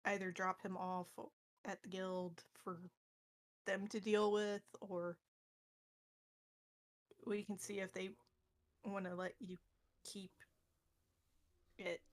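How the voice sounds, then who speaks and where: A woman playing a tabletop game, planning aloud in a thoughtful, pausing way. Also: mid-range voice, flat delivery. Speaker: player. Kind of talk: casual tabletop role-play.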